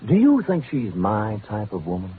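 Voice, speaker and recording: Swooping, cocky radio detective Sam Spade. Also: male voice, on the low side, wildly swooping pitch, moderate pace. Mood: teasing. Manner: wisecracking, theatrical, mock-grand. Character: flippant, cocky male private detective, teasing and flirtatious. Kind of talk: 1940s-50s radio detective comedy acting. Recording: tinny, noisy old radio broadcast recording.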